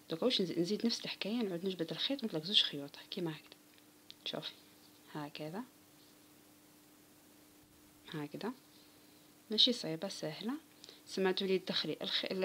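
A woman's voice: on the low side, a bit bright, slight background noise. A woman with an Algerian Arabic accent giving a step-by-step crochet tutorial, patiently counting stitches aloud and talking straight to her viewers. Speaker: crochet instructor.

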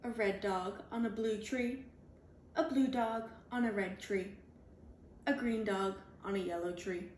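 A woman reading a children's picture book aloud, deliberately, in clearly spaced phrases for young children, recorded indoors at home. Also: medium pitch, darkish tone. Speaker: storybook reader. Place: indoors at home, on a leather couch. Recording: roomy home recording with background noise.

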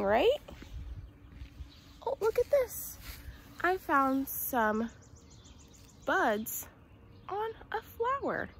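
Speaking to young children like a teacher on a nature walk, a woman in her twenties uses simple sing-song phrases and questions. Her very high voice is gravelly, and she records outdoors in a residential yard on a handheld phone held at arm's length, with slight background noise.

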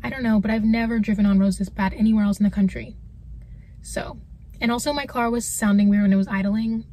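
A woman's voice: medium pitch, steady tone, fast, warm tone, slight background noise. A young woman in her twenties talking candidly to her phone camera in a casual vlog, first from inside her car and later from a room. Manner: chatty, candid, slightly nervous. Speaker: vlogger. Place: inside a parked car, then an indoor room. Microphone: phone camera at arm's length.

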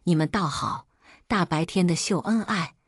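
A woman's voice: lowish voice, normal speed, husky, no echo, studio quality. A woman voicing an enraged, vicious husband who snarls insults and accusations in a read-aloud story. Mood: furious.

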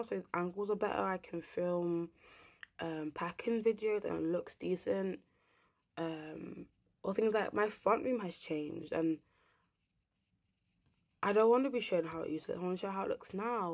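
A young woman talks straight to her camera in a loose, rambling rant. Her voice sits low for a woman, and she drifts between thoughts and swears without a filter. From England. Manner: rambling, blunt, swears freely. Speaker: vlogger. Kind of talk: casual ranting monologue.

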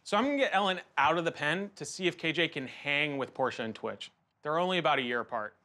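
A man's voice: fairly high pitch, lively intonation, fast, pushed and bright. A man hosting at a farm sanctuary, chatting in an upbeat way outdoors and coaxing the animals playfully. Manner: upbeat, talks to goats playfully. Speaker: sanctuary founder and show host. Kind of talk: casual chat on a farm. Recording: with music underneath.

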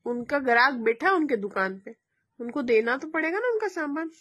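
A mother filming her daughter on a phone at home, gently coaxing and soothing her, half laughing. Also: high-pitched, sing-song, a little fast. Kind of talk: casual home video chat. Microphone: phone held by the speaker.

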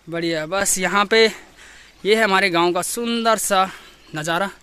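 A young male vlogger from Uttarakhand, India, narrates a walk through his hill village, filmed outdoors on a handheld camera. His voice is high, smooth, and unhurried, and he's chatty, greeting neighbours warmly with loud calls as he goes.

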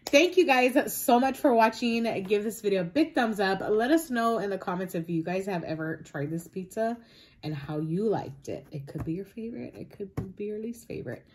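A woman vlogger chatting casually as she reviews pizza, pausing often with fillers and "like". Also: medium pitch, animated, a little hiss or hum. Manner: hesitant, many fillers and "like". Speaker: mukbang vlogger. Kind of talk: casual food review chat.

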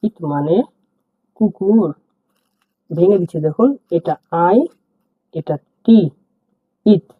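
A man's voice: high voice, husky, no echo. A man teaching an alphabet lesson, repeating each word and its meaning patiently. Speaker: language teacher. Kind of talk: slow spoken alphabet lesson. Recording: tinny phone-like sound.

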